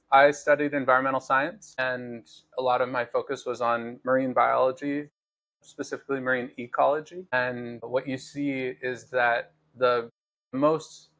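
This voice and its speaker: In a Los Angeles studio, a podcast host who works as a grower talks about his work in an earnest, thoughtful way, often using fillers and restarting sentences. His voice is mid-range and a bit bright.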